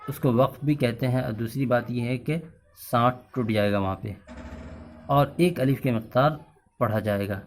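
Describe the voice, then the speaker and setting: A man's voice: mid-range voice, slight background noise. Patient male teacher explaining reading rules. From Bihar, India. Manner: patient, explains rules step by step and has learners repeat after him. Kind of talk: teaching lesson.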